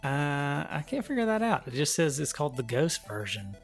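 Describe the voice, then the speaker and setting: A man's voice: on the high side, sing-song, moderate pace, gravelly, faint music behind. A man co-hosting a podcast in casual chat, laid-back and joking, often laughing. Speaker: podcast co-host.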